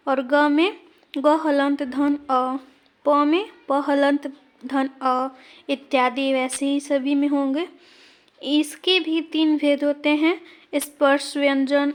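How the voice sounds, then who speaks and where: Woman teacher, exam-prep grammar lesson; slow, deliberate, points at examples as she goes. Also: sits high.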